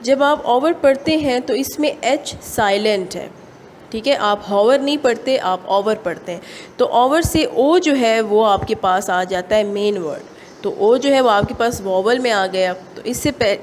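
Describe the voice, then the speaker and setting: A woman teacher with a Pakistani accent, giving an online class, dictating sentences slowly word by word and then explaining them. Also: on the high side. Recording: long reverb, faint room noise.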